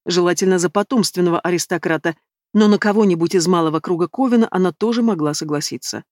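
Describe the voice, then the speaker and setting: A woman narrating a fantasy novel in the first person, in an even storytelling manner, close to the microphone. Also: on the low side, quick pace, no room sound. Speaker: audiobook narrator.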